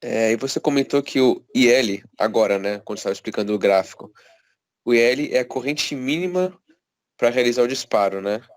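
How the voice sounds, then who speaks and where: A man's voice: medium pitch, fairly quick, dry recording. A man with a Brazilian Portuguese accent, a student carefully checking his notes with the teacher. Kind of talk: asking a question in class.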